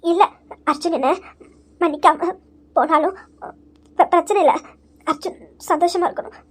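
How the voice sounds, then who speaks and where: A woman's voice: very high-pitched, normal speed. A woman voicing a remorseful young woman in an audio story, crying and stammering as she blames herself. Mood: broken. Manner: sobbing, stammering apologies. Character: remorseful young woman, tearful and self-blaming.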